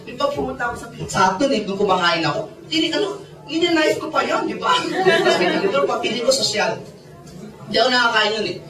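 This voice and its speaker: A man in his forties with a Filipino accent, a network marketing mentor telling stories to a seminar audience, animated and joking with the crowd. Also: very high voice, brisk. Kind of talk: Taglish seminar storytelling. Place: seminar hall with a large audience. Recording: echoey hall, distant mic, loud crowd.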